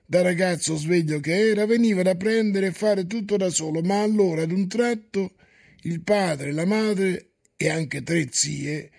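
A man narrating a novel in a calm, measured reading voice. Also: sits high, creaky. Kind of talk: storybook reading. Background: faint music.

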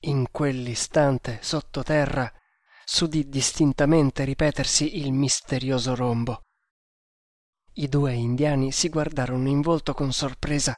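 A man reading an adventure novel aloud in a slow, dramatic narration style. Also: medium pitch, steady tone, a little mellow, no echo, clean studio sound. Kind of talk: audiobook narration.

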